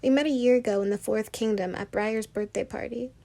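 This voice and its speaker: A woman reading a fan story aloud, voicing a tearful, anxious young princess in a soft, slightly gravelly voice. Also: on the high side, fairly even intonation, brisk.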